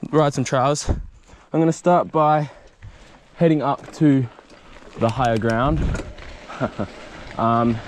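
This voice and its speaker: A man's voice: mid-range voice, fairly even intonation, slow pace, long pauses. This is a young Australian man from South Australia chatting to his camera while out mountain biking. He rambles easily, cracks dry jokes and fills gaps with ums. His voice sits in a middling register, picked up by a camera mic outdoors with faint background noise. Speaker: mountain bike vlogger. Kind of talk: casual vlog chat. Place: outdoors on bush trails.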